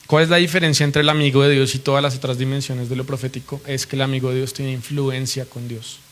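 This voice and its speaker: Male preacher, steady and level delivery, earnest and reverent, keeps checking in with the room. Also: mid-range voice, fast talker. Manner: earnest, reverent teaching with rhetorical questions to the congregation. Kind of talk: sermon.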